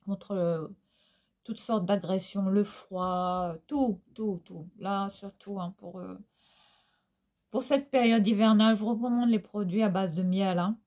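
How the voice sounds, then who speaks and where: A middle-aged woman with a lilting Réunionese Creole accent talks her viewers through empty beauty products. Her voice sits at an ordinary middle pitch, and she keeps the chat loose with fillers and little tag questions, recorded at home. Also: measured pace, a little mellow. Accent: Réunionese Creole French. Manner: chatty, many fillers and tag questions, sing-song. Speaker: beauty vlogger. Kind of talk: casual product review chat. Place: at home, indoors.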